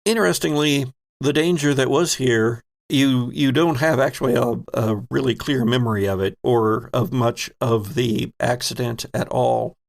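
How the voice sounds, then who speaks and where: Acting as game master, a man with a creaky, mid-range voice makes up scenes on the spot and teases his players along the way. His delivery is casual and at a normal speed.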